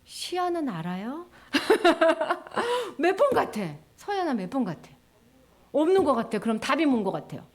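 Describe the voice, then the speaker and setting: Woman, high and very lively voice, children's church teacher acting out the story. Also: unhurried. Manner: animated, acts out characters' lines with sighs and cheers.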